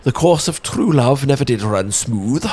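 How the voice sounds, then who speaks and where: A British man voices a warm, teasing young best friend for an intimate ASMR audio roleplay, keeping things casual with soft tag questions. He speaks in a husky mid-range at an unhurried, animated pace, sounding amused and a touch wistful.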